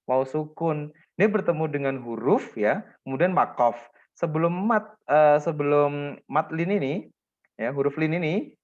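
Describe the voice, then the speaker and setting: A man's voice: medium pitch, dull audio. A man teaching Quran recitation rules to a class, patiently explaining and modeling example words, often checking in with his students. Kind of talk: classroom lesson on tajwid rules.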